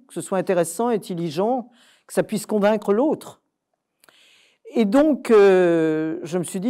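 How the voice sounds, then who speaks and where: A woman's voice: on the low side, warm tone. An older Frenchwoman answering audience questions at a talk, emphatic and direct, with many hesitations. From France.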